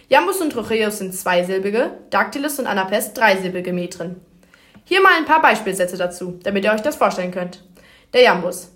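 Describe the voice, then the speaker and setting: A woman with a fairly high voice reads a scripted school lesson. She explains each point and gives spoken examples. Her delivery is clear and instructive. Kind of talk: scripted educational narration.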